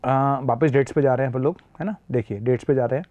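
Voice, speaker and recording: A fast-talking man with a warm, mid-range voice and fairly even intonation explains an admissions process as a teacher while nursing a sore throat. Key points get emphatic repetition, and he mixes in phrases. The explanatory lesson is a dry recording with the highs cut off.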